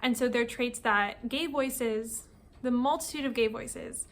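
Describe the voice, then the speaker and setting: A chatty woman explains research in a casual, informal way, with lots of fillers and quick restarts. Her voice sits a little high. A faint hiss of noise runs under the recording. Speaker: video essay host.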